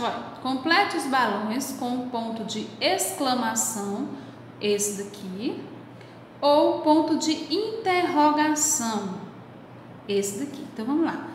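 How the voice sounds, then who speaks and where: A woman teacher talks young pupils through a lesson, unhurried and patient, and affectionate toward them. Her voice sits high. The recording rings with a long, roomy reverb and a faint hiss behind it. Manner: patient, explains step by step. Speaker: primary school teacher. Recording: very echoey room with long reverb.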